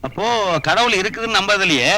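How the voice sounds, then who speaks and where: A man's voice: sits high, lively intonation, fast talker, bright, forceful tone, no room sound, heavily acted. An actor playing a god visiting earth as a man, who asks innocent, wondering questions in a Tamil film comedy. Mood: curious.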